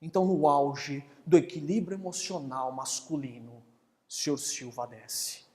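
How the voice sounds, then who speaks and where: A course instructor telling a story in a lively lecture, acting out the characters along the way. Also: mid-range voice, a little slow, in a large hall. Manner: animated storyteller who acts out characters.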